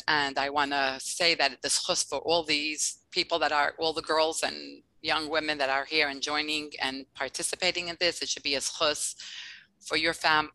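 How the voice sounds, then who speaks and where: A woman's voice: low-pitched, bright, forceful tone, dry recording, rough recording. A woman dating coach speaking earnestly on a live online podcast, heartfelt, with frequent restarts. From based in Los Angeles. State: emotional, near tears.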